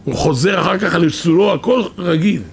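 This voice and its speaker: A man preaching a sermon, telling stories animatedly and breaking into sudden shouts. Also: high-pitched, gravelly, breathy edge.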